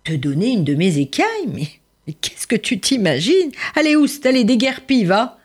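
A woman's voice: mid-range voice, sing-song, measured pace, breathy edge, pitched above the performer's own voice. A woman voicing a vain, proud fish who speaks in a haughty, indignant way in a storybook tale. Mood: scornful.

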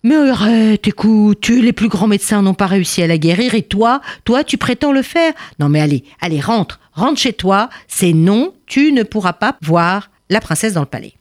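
A woman voicing a male palace guard who mocks and brushes off a visitor, her own voice raised and quickened for him. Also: mid-range voice, expressive, no room sound, studio quality, lightly acted. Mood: exasperated. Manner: teasing, laughing, then exasperated.

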